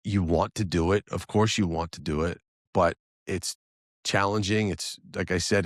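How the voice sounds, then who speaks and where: Low-voiced man on a solo podcast. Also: no echo, studio quality. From New Jersey area. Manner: conversational, frequent restarts and asides. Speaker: podcast host.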